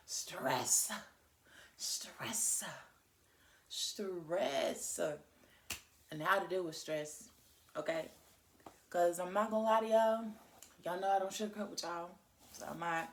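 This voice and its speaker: A woman's voice: on the low side, vocal fry, a little hiss or hum. A young woman vlogging in a casual chat straight to her viewers, candid and chatty and swearing freely.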